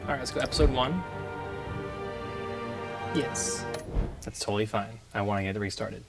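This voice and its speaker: A man's voice: lowish voice, normal speed. A young man hosting a casual game livestream, chatting with viewers with lots of fillers. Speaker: livestream host. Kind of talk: casual gameplay stream chat. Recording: game music playing behind.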